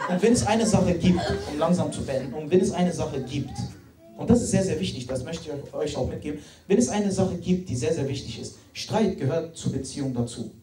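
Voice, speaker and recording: Chatty young comedian in an echoey hall. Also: male voice, on the high side, lively intonation, fairly quick, dark tone. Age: late 20s. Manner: chatty, many fillers and restarts, addresses the crowd. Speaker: stand-up comedian. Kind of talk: stand-up comedy. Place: stage in a hall. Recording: echoey hall, mic far off, crowd laughing.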